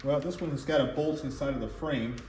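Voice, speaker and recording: A man's voice: mid-range voice, a little fast, reverberant, background noise. A man talking to himself and his viewers while working on an old truck in his garage, casual and chatty. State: out of breath, coughing from dust. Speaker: YouTube garage host. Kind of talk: casual workshop vlog. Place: home garage under a truck.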